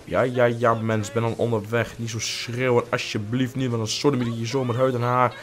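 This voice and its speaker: A man gives casual let's play commentary at an ordinary middle pitch. He jokes crudely, swears at the game and hums little tunes between lines. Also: level tone, fairly quick, a bit bright.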